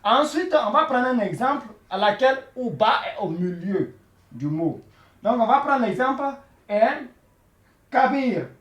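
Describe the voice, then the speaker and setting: A man's voice: very high-pitched, lively intonation, normal speed, a bit bright, echoey room. A man teaching a beginner Arabic lesson, patient, repeating each word many times and checking in with listeners.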